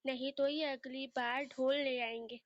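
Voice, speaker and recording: A woman's voice: sits high, steady tone, measured pace, lo-fi sound, slight background noise. A woman voicing an amused middle-aged uncle who teases his brother. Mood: teasing. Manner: teasing and jovial.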